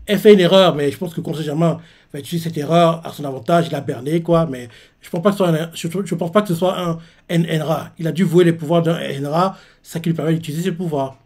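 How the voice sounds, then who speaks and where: A man's voice: fairly high pitch, fast, darkish tone. A man casually recapping a manga chapter as a reaction host, rambling with many restarts. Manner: rambling, with constant filler tags and restarts.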